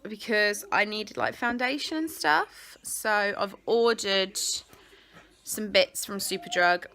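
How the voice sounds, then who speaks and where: A woman vlogger talks casually to her phone camera at home, rambling, chatty, and breaking off mid-thought. Her voice is medium in pitch, slow, bright, and forceful. The phone is clipped on a window ledge.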